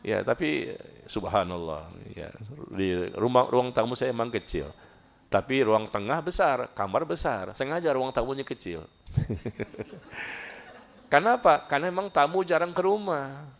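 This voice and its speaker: A middle-aged man preaching a humorous sermon to a study gathering, joking and often jumping high in pitch for emphasis. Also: expressive, normal speed, gravelly.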